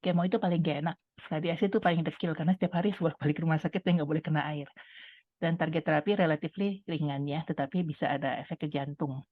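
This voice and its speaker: A woman's voice: sits low, fairly even intonation, fast talker, no echo. A middle-aged woman giving a chatty, conversational personal testimony, talking to her listeners like friends. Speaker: speaker sharing a testimony. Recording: tinny phone-like line, dry sound.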